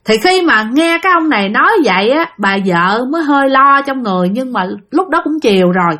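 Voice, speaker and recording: A woman's voice: sits high, sing-song, fairly quick, pushed and bright. Chatty Southern Vietnamese woman telling ghost stories. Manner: chatty, addresses listeners directly, frequent fillers. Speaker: storyteller. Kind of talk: casual spooky storytelling to listeners.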